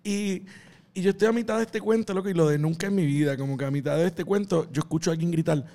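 A male stand-up comedian with a Puerto Rican accent tells a story in a loose, chatty way. His voice sits high and he keeps breaking into laughter. He acts out the other people's lines with plenty of life. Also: fast talker. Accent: Puerto Rican Spanish. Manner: animated, laughing storyteller with lively voiced asides. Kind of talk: casual storytelling chat.

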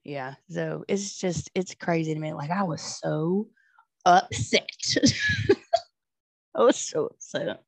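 A woman's voice: low voice, slow, vocal fry, pauses often, slightly rough, no echo. A young adult woman co-hosting a podcast in casual chat, telling stories with lots of swearing and acting out what people said. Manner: animated storyteller, swears freely, acts out quotes. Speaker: podcast co-host.

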